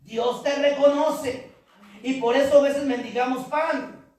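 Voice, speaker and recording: High-voiced pastor preaching in an echoey hall. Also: male voice, steady tone, a little slow. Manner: preaching with rising shouts and call-and-response. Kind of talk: sermon. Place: church hall. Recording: very echoey hall, mic far off.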